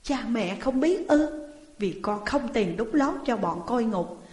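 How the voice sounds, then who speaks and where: A woman's voice: on the high side, expressive, slow pace, darkish tone. A young male prisoner speaks in despair about his suffering, as a woman narrator puts him on. His voice echoes in a roomy space with long reverb. It is a storybook reading. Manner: despairing, complaining.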